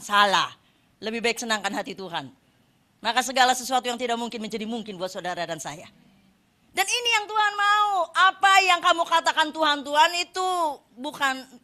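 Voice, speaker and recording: With a high voice, a woman preacher delivers a lively sermon, posing questions to the congregation and then answering them herself.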